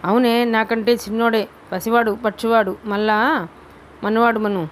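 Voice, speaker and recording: A woman voicing a greedy, harsh, sarcastic middle-aged father who speaks slowly in a rustic, mocking way. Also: fairly high pitch, fairly even intonation, slight background noise, natural voice. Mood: scornful.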